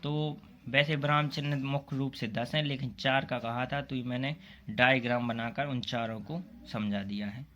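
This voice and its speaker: A man's voice: medium pitch, steady tone, moderate pace, a bit bright, lo-fi sound. A man going through exam questions one by one, explaining the answers in plain, casual talk and speaking directly to students. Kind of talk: casual exam-prep lesson.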